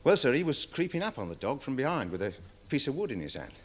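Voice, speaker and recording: A hesitant, rambling security guard. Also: male voice, mid-range voice, big pitch swings, fast, husky. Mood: worried, defensive. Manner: hesitant, rambling, deferential with frequent fillers. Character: nervous security guard witness, dog handler. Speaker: witness in court. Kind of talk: 1970s television courtroom drama.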